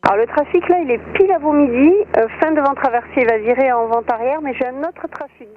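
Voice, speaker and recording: Fast, high-pitched woman on aviation radio. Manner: procedural phraseology. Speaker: air traffic controller. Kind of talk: radio clearances and traffic information. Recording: muffled aviation radio, clear noise.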